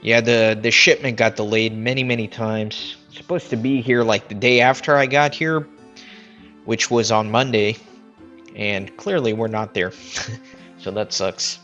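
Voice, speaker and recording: A man's voice: lowish voice, steady tone, unhurried, pushed and bright, faint music behind. Man sounding muffled, like into a cup. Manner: chatty, thinks aloud. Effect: muffled, like talking into a cup. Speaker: game streamer. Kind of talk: casual live commentary while playing. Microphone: cheap headset mic. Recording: muffled dull headset mic.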